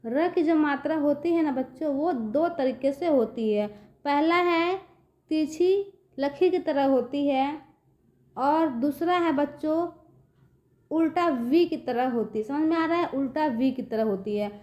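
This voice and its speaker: A woman's voice: sits high, unhurried, a little mellow, lo-fi sound. A woman teaching young children a reading lesson, speaking patiently and often checking whether they understand. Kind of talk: children's online Hindi lesson.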